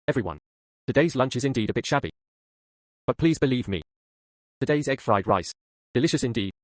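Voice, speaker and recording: A man's voice: medium pitch, expressive, fairly quick, dry recording, lightly acted. Male actor as an eager young canteen cook: earnest and coaxing, dry close recording. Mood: confident. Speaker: hospital canteen chef. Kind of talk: dubbed drama dialogue.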